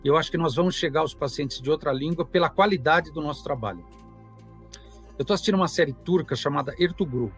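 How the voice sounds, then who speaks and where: A Brazilian psychoanalyst with a high voice talks about his work and tells anecdotes. He acts out the dialogue he quotes. His voice comes through a video call with faint music in the background. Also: fast. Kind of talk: conversational interview storytelling.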